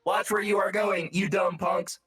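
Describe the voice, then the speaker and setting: A man voicing an indignant robot like a grumpy old man in a tabletop game, shouting and sputtering like a foiled villain. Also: high voice, fairly even intonation, moderate pace, husky, faint music behind, voice pushed up, full character voice. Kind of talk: tabletop role-play.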